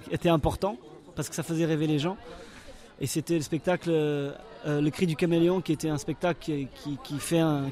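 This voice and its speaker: A man from Portugal, a circus performer answering interview questions in a halting way, often searching for words. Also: a little high, a little mellow.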